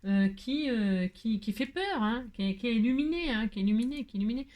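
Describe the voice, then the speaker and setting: A woman's voice: fairly high pitch, lively intonation, fast, a little mellow. A French woman hosting a casual craft tutorial, talking hesitantly with lots of fillers and laughing at herself. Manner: chatty, hesitant, fills with "euh" and "hein". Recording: faint background noise and clicks.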